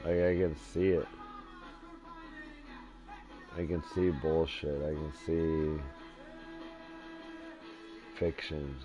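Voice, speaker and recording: Drowsy deep-voiced man rambling on stream. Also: takes it slowly. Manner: sleepy, drowsy monotone. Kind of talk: rambling live-stream chat. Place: dim living room at home. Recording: dull lo-fi stream audio with faint music.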